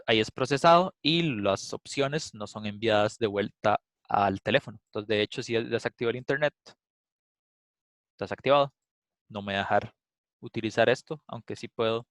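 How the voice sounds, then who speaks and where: A man's voice: fairly low pitch, normal speed, pauses often, a bit bright, dry recording. A man giving a casual, explanatory class lecture, thinking aloud with frequent "eh" fillers. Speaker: instructor. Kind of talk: recorded class lecture with live demo.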